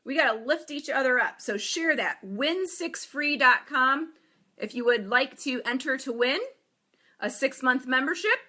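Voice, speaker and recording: Woman, fitness coach, high pitch, bright tone, emphatic, repetitive sales pitch. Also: unhurried. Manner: repetitive, upbeat, emphatic with frequent "okay?". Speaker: fitness coach and gym owner. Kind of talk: promotional webinar pitch.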